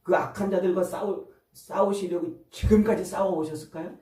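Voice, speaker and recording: A man's voice: high voice, fairly even intonation, moderate pace, warm tone. A male pastor giving an expository sermon, often putting questions to his listeners and prompting them for an answer. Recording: roomy sound from a distant mic.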